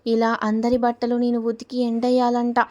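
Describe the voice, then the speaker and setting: A woman's voice: on the high side, monotone, moderate pace, warm tone, close to an everyday voice. A woman voicing a spiteful, sarcastic sister-in-law who talks in a sneering, scolding way.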